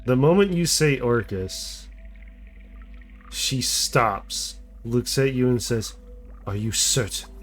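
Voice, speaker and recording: A man with a mid-pitched voice acting as game master. He narrates and chats casually through a tabletop session, with music playing behind him. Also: animated, takes it slowly.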